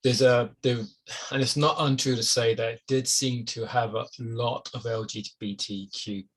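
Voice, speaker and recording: A man's voice: medium pitch, steady tone, normal speed, breathy edge. A middle-aged man, hosting a casual interview, chatty and jokey with anecdotes. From Wales. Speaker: podcast host.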